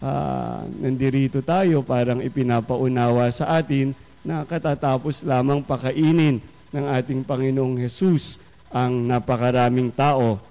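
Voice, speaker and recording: A man with a Filipino accent giving a Sunday homily, speaking slowly and reflectively and often addressing his listeners. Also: mid-range voice, steady tone, vocal fry, warm tone. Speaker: priest. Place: large church. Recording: long church reverb.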